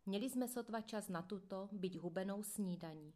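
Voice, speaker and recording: A woman narrating a first-person prison memoir in a calm, measured audiobook reading. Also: mid-range voice.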